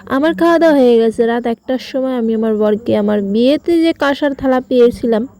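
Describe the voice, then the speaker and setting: A woman with a Bengali accent talks her viewers through her home cooking in a casual, friendly vlog manner. Her voice sits a little high and sounds mellow and warm rather than bright. She speaks to the audience as friends. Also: brisk. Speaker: home cook vlogger.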